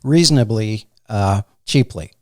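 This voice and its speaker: Soft-spoken Midwestern man, low voice. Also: dry recording, studio quality. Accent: Midwestern American. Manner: soft-spoken, unhurried, fond of fillers. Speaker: meteorologist guest. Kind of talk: casual interview storytelling.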